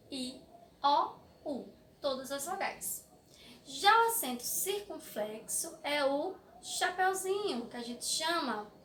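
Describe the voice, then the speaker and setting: A young woman with a Brazilian Portuguese accent teaching a recorded class for young children, slow and clear with a sing-song way of stretching words. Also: sits high, fairly bright tone, far from the mic, slight background noise. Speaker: primary school teacher. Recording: echoey room, voice off-mic.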